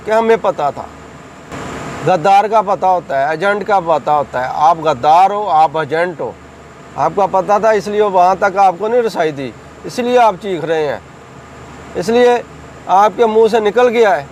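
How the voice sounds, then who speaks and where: A man's voice: sits high, darkish tone, a little hiss or hum, poor audio. A middle-aged man from Pakistan giving heated political commentary, combative and accusing, hammering his points home with repeated phrases. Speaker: political commentator hosting his own channel.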